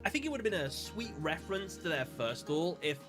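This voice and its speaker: A man speculating about a fan story in a playful, animated way, full of quick asides. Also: fairly high pitch, music in the background. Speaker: video creator.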